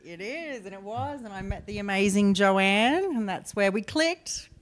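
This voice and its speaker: A woman's voice: mid-range voice, lively intonation, measured pace. A woman with a far north Queensland Australian accent, chatting informally as a guest in a casual interview. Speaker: guest, theatre producer. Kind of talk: casual live interview chat.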